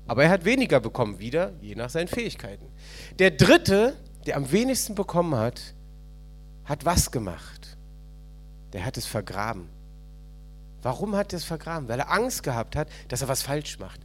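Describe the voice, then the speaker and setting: A man preaching a sermon at a church service, retelling a parable with animated storytelling and questions to the congregation. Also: fairly high pitch. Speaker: pastor.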